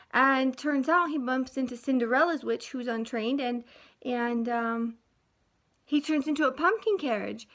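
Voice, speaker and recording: High-voiced woman in a rambling, heartfelt monologue. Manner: rambling and emotional, sometimes dropping to a soft hush. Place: half-unpacked house.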